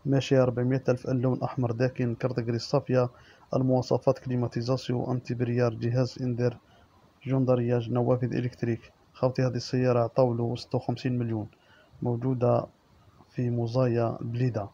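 A man with an Algerian Arabic accent reading out used-car listings and prices as the regular presenter, in a steady listing manner. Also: mid-range voice, quick pace, muffled recording. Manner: monotone listing of specs and prices.

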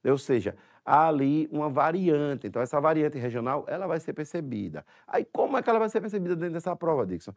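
A man's voice: a little high, expressive, quick pace, hardly any pauses. A man teaching an exam-prep language lesson in a Sergipe Brazilian Portuguese accent, explaining step by step and checking in often with tag questions.

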